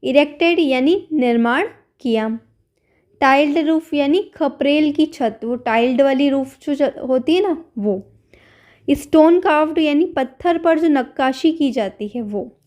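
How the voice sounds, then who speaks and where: This is a woman with a high, light voice, teaching an English lesson in Hindi. She goes through word after word at an even, patient pace, repeating each one before she explains it. It sounds like a recorded voice-over for a classroom video. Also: a little slow.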